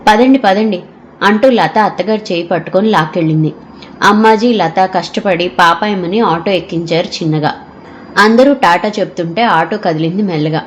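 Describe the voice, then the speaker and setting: A woman narrating an audio novel in a steady storytelling manner. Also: lowish voice, moderate pace, slight background noise.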